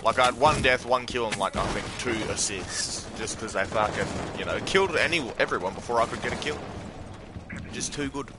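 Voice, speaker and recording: A man's voice: mid-range voice, brisk. An Australian man giving casual, profane commentary as he plays a shooter, joking with his teammates. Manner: swears often, joking banter with teammates. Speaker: gaming streamer. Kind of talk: casual live gameplay commentary. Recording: game gunfire noise under voice. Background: game gunfire and effects.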